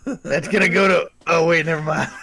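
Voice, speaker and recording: A man's voice: on the high side, fairly bright tone, a little hiss or hum. A man co-hosting a casual livestream chat, joking around and laughing often. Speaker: co-host of a livestream.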